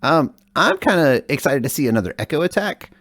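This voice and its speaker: A man's voice: a little high, very animated, fairly bright tone, no room sound, studio quality. A man co-hosting a casual podcast, talking with plenty of filler words. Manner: fast, uses many fillers. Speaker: podcast co-host. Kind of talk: casual podcast chat about a card game.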